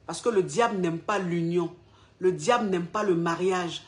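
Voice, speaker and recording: A woman's voice: lowish voice, normal speed. A woman relationship coach giving marriage advice, emphatic and repeating each point twice, with pointed questions aimed straight at her listeners.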